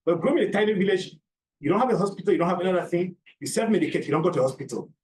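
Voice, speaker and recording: This Cameroonian academic lectures at a seminar in a high, animated voice that races along with a slightly mellow quality. He restates his main points and throws out rhetorical questions. Captured from afar in a roomy lecture hall, the audio carries faint background noise.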